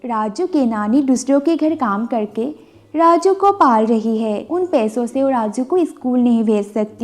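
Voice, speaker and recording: A woman storyteller with a fairly high, slightly mellow voice narrates a scripted bedtime story with a moral, with background music playing under her voice.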